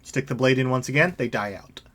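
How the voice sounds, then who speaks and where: A man's voice: mid-range voice, a bit bright. Man narrating a tabletop game. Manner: descriptive, halting, with fillers. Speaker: game master.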